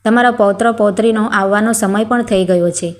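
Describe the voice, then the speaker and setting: A woman voicing a caring, widowed older housekeeper who speaks softly and reassuringly in a storybook tale. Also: mid-range voice, normal speed, close to an everyday voice.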